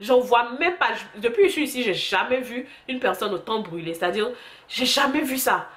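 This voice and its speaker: A young woman chats to her camera, telling stories with lively, animated asides. Her voice sits fairly high. The recording has a noticeable room echo. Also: a little fast. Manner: chatty storytelling, animated asides. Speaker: vlogger. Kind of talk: casual chat to camera. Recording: echoey room.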